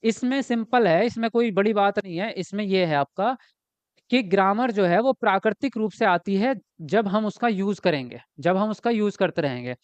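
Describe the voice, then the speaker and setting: With a high-pitched, clean voice at normal speed and no room sound, a man delivers a live online exam-prep lecture. He explains step by step and answers the questions he asks. Reading viewer comments aloud, he replies to them as he goes.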